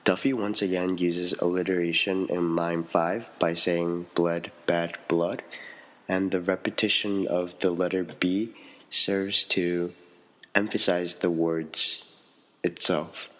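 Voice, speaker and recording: A man reading out a prepared poetry analysis as a student, in a measured, steady way. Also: low-pitched, poor audio.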